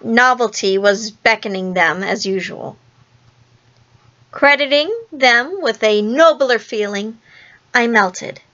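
Slow, expressive woman reading a storybook. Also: a little high, muffled recording. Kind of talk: storybook reading in first person.

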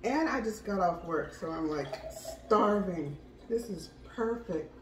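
A woman vlogger chatting casually while tasting food, excited and drawn out. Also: medium pitch, unhurried, a little hiss or hum. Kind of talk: casual chat. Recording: echoey room with faint ambience.

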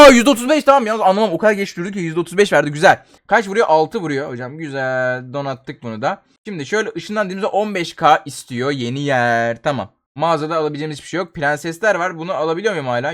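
Fast, high-voiced young man commenting on a game. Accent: Turkish. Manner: jumps into loud panicked yelling when dying. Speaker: gaming channel host. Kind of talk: excited Roblox gameplay commentary.

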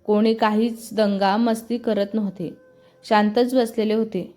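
Female storyteller over soft music. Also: medium pitch, measured pace. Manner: steady, descriptive storytelling. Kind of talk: scripted story narration.

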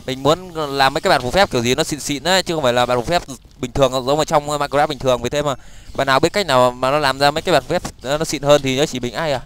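A young man giving excitable let's-play commentary, with quick stammered repeats and sudden exclamations while he plays. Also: fairly high pitch. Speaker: gaming YouTuber.

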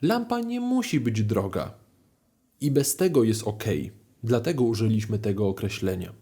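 A man teaching French grammar in a video lesson, explaining clearly with lively rises in his voice. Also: lowish voice, moderate pace. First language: Polish. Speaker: language teacher.

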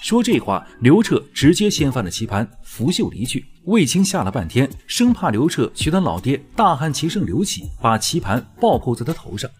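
Male narrator for a joking drama recap: scripted but colloquial, playful, pitch moving around a lot. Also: sing-song, normal speed, few pauses. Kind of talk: joking scripted storytelling commentary.

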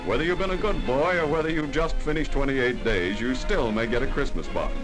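A man's voice: mid-range voice, fairly quick, poor audio. A man in a jaunty, punchy manner with wisecracks, narrating a 1940s wartime newsreel as a voice-over. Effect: old newsreel voice-over. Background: music.

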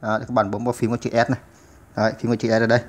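Man, computer tutorial host, quick pace, filler-heavy, hesitant, repeats steps patiently. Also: mid-range voice, flat delivery. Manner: hesitant, many filler sounds and restarts. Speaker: channel host teaching computer basics.

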